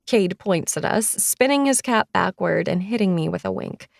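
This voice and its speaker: A woman narrating a first-person romance audiobook in a playful, expressive way. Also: medium pitch, moderate pace, creaky, no room sound, studio quality.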